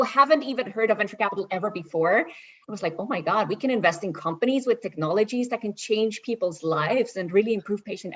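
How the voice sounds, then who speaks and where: A woman's voice: mid-range voice, a bit bright. A woman from Switzerland introducing herself on a panel as a venture investor, upbeat and enthusiastic. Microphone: video call. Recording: dull, lo-fi audio.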